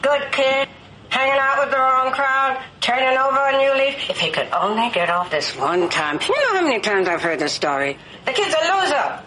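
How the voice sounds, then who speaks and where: A woman's voice: sits high, expressive, normal speed, bright, forceful tone. An older actress playing a ruthless, scornful woman banker in a TV film, curt and sardonic. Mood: curt, dismissive. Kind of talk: TV film drama acting. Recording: noisy film soundtrack, street ambience.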